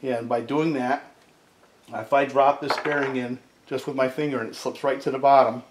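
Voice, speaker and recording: In his cluttered home workshop, a middle-aged chainsaw repair host talks through repairs at the workbench in a steady, mid-range voice at a moderate pace, often checking "right?" A tripod camera mic records the echoey space and its background noise.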